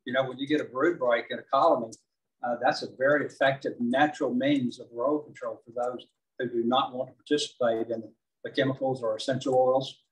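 Middle-aged Texan man, club presenter, steady mid pitch, distant room sound. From southeast Texas. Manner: measured, frequent "uh" fillers. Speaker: beekeeping presenter. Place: large meeting hall with projector.

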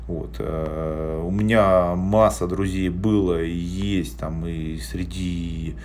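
Chatting on a live stream from a small room, a forties-aged man gives plain-spoken, blunt answers to viewers, hesitating often. He speaks slowly in a deep, steady, darkish voice, and the arm's-length phone recording carries slight hiss or hum.

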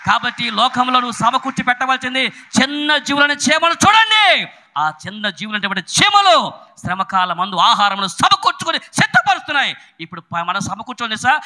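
A middle-aged male preacher, delivering a sermon with sudden shouted bursts and chatty storytelling. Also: sits high.

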